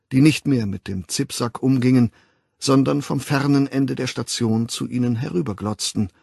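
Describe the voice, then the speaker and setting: A man reading a novel aloud as an audiobook narrator in a measured, expressive way. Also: medium pitch, creaky, slightly rough, dry recording, studio quality.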